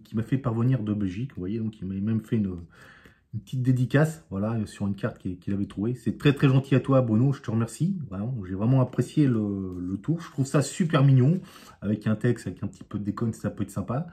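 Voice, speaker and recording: A man from France hosts his own magic channel and tells a trick as a joking story. He speaks in a lively, sing-song way, with his voice rising and falling a lot. He adds playful sound effects and friendly asides to the viewers. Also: mid-range voice. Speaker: amateur magician, channel host. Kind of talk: jokey storytelling to camera.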